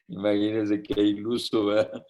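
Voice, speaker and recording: A man's voice: fairly low pitch, a little mellow, muffled recording. A man preaching a conversational sermon, telling personal stories and checking in with listeners through frequent tag questions. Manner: tells personal anecdotes with light laughter.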